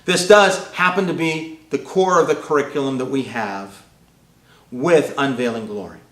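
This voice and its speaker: A man's voice: mid-range voice, normal speed. Echoey dramatic male keynote preacher. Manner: dramatic swings between loud and hushed. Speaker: keynote speaker. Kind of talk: sermon-style keynote.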